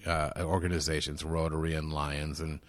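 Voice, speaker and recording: Low-voiced guy explaining his networking group, steady, lots of reverb from a big banquet hall. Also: normal speed. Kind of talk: interview guest explaining at length. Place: golf course banquet room with reverb.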